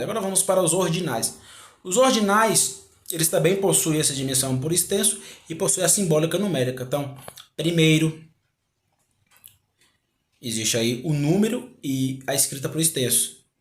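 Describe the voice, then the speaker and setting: A man teaching a grammar lesson, explaining slowly, repeating words and asking rhetorical questions. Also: fairly high pitch, animated. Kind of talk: grammar lecture. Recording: echoey room.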